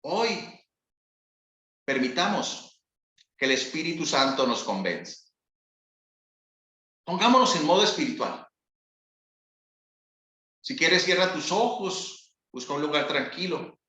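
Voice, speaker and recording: A man preaching a sermon as pastor, slow and solemn with long pauses. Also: a little high, sing-song, sharp tone, roomy sound. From Colombia.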